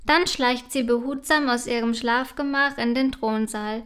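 A woman narrating a children's story in a calm, clear storytelling manner. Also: on the high side, a little slow.

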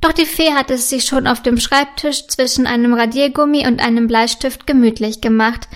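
A woman narrating a children's story in a calm, clear, even storytelling manner. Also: high voice.

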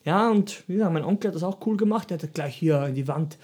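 Husky Austrian-raised man, rambling podcast chat. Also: fairly high pitch, fast, darkish tone. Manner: rambling, reflective, many restarts. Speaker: podcast co-host.

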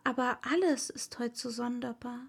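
A woman's voice: a little high, moderate pace, vocal fry, breathy edge. A woman voicing a polite, curious little girl in a read-aloud story, eager and chatty, sometimes apologetic. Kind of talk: audiobook reading.

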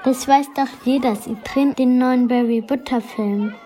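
A woman voicing an excitable young girl who adores a film star. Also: high-pitched, normal speed, close to an everyday voice. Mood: excited. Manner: gushing, excitable.

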